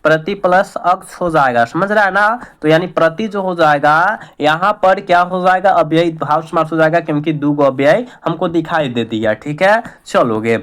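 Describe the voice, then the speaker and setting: A man's voice: on the high side, normal speed, few pauses, fairly bright tone. A man with a Bihari accent running an exam revision lesson, repeating each question and coaxing his students along as a teacher.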